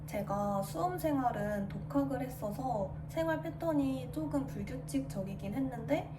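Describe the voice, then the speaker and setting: Female vlogger, 20s, relaxed Q&A delivery; recorded off-mic in a reverberant room. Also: high voice, normal speed, far from the mic, noisy background. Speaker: pharmacy student vlogger. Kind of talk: casual Q&A monologue. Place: her new studio apartment room.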